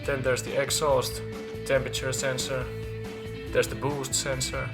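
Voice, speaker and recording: A man's voice: mid-range voice, monotone, measured pace, music in the background. A man with a Finnish accent, a native Finnish speaker, talking in an informal, offhand vlog style with the odd swear word. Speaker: car hobbyist video host. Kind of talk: casual vlog talk. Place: in a car on a parking lot.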